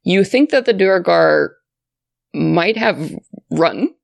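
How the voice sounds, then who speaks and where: A woman's voice: fairly low pitch, animated, takes it slowly, creaky, dry recording, clean studio sound. A woman improvising narration as the game master of a tabletop role-playing game.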